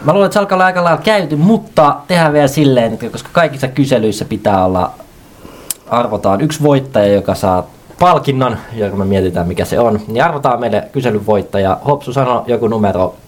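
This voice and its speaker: Male podcast host, mid pitch, animated delivery, reads mail aloud. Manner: laughs often between lines. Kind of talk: casual chat, reading listener messages aloud.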